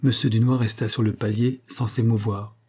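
This male audiobook narrator reads from a novel in a steady, measured storytelling style. His scripted delivery sits on the low side, with a slightly rough edge.

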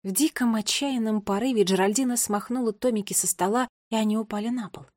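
A woman narrating a children's fantasy story in a lively, dramatic reading. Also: fairly high pitch, fast, dry recording, studio quality. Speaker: audiobook reader. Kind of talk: scripted narration.

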